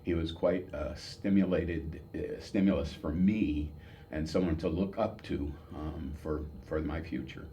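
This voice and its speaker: An elderly American man in his seventies, an old veteran remembering his service days, telling stories off the cuff in a halting, reminiscing way with pauses and repeated words. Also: rumbling low, mellow, a little hiss or hum. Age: 70s. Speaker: military veteran giving an oral history. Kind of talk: old veteran remembering, unscripted personal storytelling.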